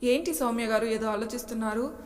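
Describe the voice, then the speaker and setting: A woman voicing a kind young man who talks gently and reassuringly, with a long reverb on the recording. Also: a little high, brisk, lightly acted. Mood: friendly.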